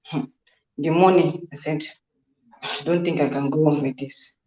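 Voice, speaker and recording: A woman caller from Nigeria talking on speakerphone from work, telling her story in a halting, hesitant way. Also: low-pitched, steady tone, dark tone. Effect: on speakerphone, echoing. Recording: echoey, muffled phone line.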